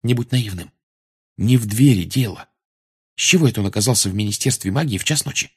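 A man's voice: fairly low pitch, fast, darkish tone, slightly rough. A man reading aloud and voicing a clever, anxious, bossy schoolgirl witch in a storybook reading.

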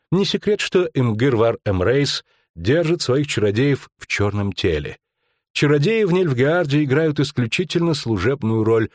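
A man's voice: mid-range voice, no echo, clean studio sound. A man playing a sardonic, lecturing lawyer. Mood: mocking. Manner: sardonic, lecturing, drawn-out emphasis. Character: shrewd ironic middle-aged male lawyer-investigator. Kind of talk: audiobook acting.

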